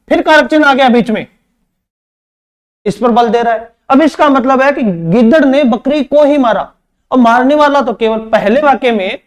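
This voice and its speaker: A man teaching an exam-prep grammar lesson, repeating each phrase and asking and answering his own questions. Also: very high voice. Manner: addresses students as "beta".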